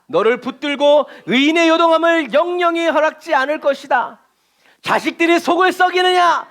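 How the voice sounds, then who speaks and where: A preacher voicing God in slow, booming declamation, calling the listener to cry out to him. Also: male voice, fairly bright tone. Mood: commanding. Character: God speaking, commanding and tender.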